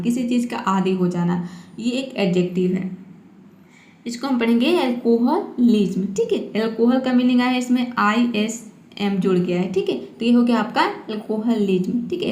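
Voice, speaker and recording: A woman who teaches English vocabulary in a patient manner. She spells out words and repeats them slowly, adding a steady "okay" after each point. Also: a little high, reverberant. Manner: patient, repeats "ठीक है" often. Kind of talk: vocabulary lesson.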